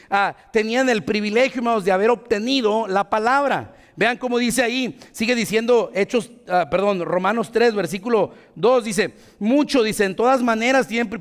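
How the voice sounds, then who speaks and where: A male pastor preaches in an easy, conversational way. His voice sits high for a man, and he keeps turning to the congregation for agreement. The sound carries a long reverb from the church hall. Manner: conversational preaching with frequent "hermanos" and "¿verdad?". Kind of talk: sermon.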